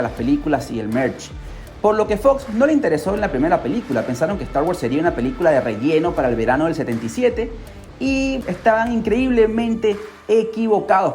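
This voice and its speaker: With music behind his voice, which is fairly high and a little mellow, a man from Peru hosts a podcast and spins a story. His telling is lively and informal, dotted with rhetorical questions and side remarks aimed at the audience.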